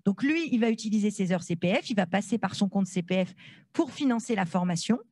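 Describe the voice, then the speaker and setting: A woman's voice: mid-range voice, animated, brisk, a little mellow, dry recording. Woman presenting through a face mask, dry sound. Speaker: presenter at a conference. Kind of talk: informal explanatory presentation. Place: conference room with a small panel on stage. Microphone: handheld microphone held close to the mask.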